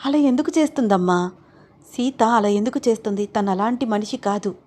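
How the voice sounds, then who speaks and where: A woman's voice: a little high, brisk, darkish tone, natural voice. A woman voicing a patient young husband. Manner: patient, explaining. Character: young husband, calm and reasoning.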